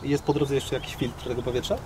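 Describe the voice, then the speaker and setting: A man's voice: mid-range voice, little pitch movement, fast talker, darkish tone, a little hiss or hum. A man interviewing in casual chat, informal, slangy and inquisitive.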